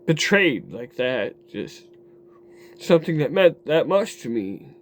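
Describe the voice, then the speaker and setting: A man telling a raw personal story to his camera in a rambling, profane way, dropping low and quiet, then flaring into heated outbursts. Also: sing-song, takes it slowly. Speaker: vlogger. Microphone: camera mic.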